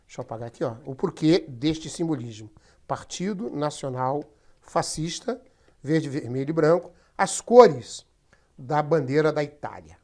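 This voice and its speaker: A woman, teaching a history lesson over slides in a chatty, step-by-step way, often addressing her students directly. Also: low voice. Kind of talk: recorded class lecture over slides.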